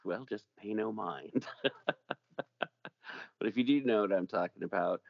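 Gravelly male host, slow rambling delivery, jokey asides, casual chat, dry slightly dull recording. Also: on the low side, no room sound. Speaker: podcast host.

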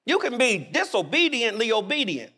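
A male preacher with a high, bright, lively voice delivers a chapel sermon. He swings from loud, emphatic declarations to hushed asides, and his pitch leaps about constantly. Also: normal speed, slightly rough. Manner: animated, emphatic preaching with sudden drops to quiet.

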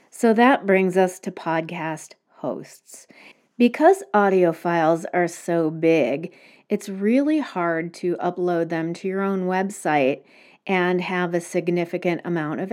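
A woman hosts her own podcast, talking casually alone and explaining things step by step. Her voice is fairly low and mellow, picked up by a home microphone.

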